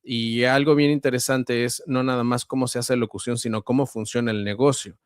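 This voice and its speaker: A man's voice: medium pitch, steady tone, clear, resonant tone, no echo. Mexican man, dry close voice. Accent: central Mexican. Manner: measured, explanatory, frequent hesitations. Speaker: guest voice-over artist. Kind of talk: conversational interview answers.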